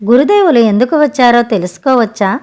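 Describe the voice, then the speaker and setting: A woman's voice: fairly high pitch, animated, fairly quick, a little mellow, lightly acted. A woman reading as a foolish, flustered king. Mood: indignant. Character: proud, foolish male king, easily flustered.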